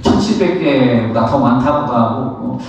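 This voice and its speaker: A middle-aged man, a Buddhist monk, giving a lively spoken lesson on meditation, laughing often and acting out how he counts his breaths. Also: medium pitch, normal speed, creaky. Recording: echoey room, somewhat far from the mic.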